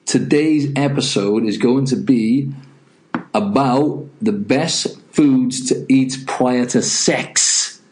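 A man's voice: medium pitch, slow pace, a little mellow, slight background noise, low-quality recording. A man hosting a casual solo podcast in an informal, candid, joking way, talking straight into a laptop microphone. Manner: informal, candid, jokey and self-mocking. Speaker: podcast host. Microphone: built-in laptop microphone instead of headset.

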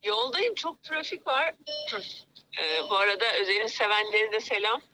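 Woman on speakerphone, bright higher voice, lively rise and fall, casual phone call. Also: normal speed, a little hiss or hum. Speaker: caller. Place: on the road in traffic.

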